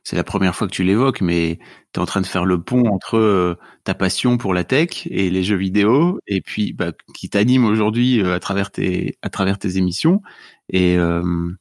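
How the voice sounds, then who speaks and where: Low-voiced man interviewing in a dry recording. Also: moderate pace, dry recording. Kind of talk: casual interview conversation.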